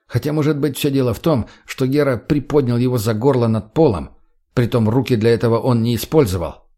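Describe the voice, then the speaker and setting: A man narrating an audiobook in a steady, plain storytelling manner. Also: medium pitch, fairly quick.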